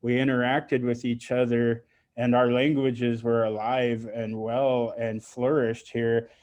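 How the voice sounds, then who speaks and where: A middle-aged man from Alaska speaking with heartfelt emotion on a panel, halting often and restarting his sentences. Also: mid-range voice, flat delivery, a little mellow. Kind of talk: heartfelt personal remarks on a panel.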